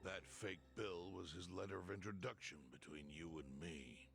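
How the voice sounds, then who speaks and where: A gravel-voiced old chairman. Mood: measured. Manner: calm, deliberate, low-key. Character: calm older male syndicate chairman, measured. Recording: game audio with loud music behind.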